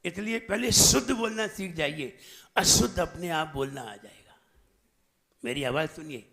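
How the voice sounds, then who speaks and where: A man teaching an audience in a sermon style, quizzing them, making them repeat, and swinging between loud emphatic lines and soft asides. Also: fairly high pitch, gravelly. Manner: asks the audience questions and makes them repeat; drawls single words slowly to show the right pronunciation. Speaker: Jain monk teaching a training camp.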